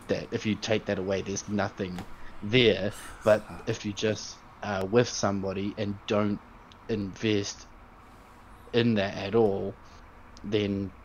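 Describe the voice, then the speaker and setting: Guy with a lowish voice on a podcast, thinking out loud, faint hiss behind. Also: dull audio. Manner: thoughtful, explains his view at length. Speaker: podcast co-host. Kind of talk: casual podcast chat. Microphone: desktop mic on a voice call.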